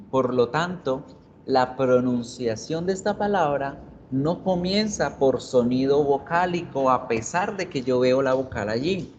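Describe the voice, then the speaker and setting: A man gives an online English lesson at an unhurried pace, going over each point carefully and repeating example words again and again. His voice sits at a mid pitch. The recording is a little muffled, with a faint hiss underneath. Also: expressive, a little mellow. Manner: explains slowly, repeating example words several times. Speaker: English teacher. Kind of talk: online video class.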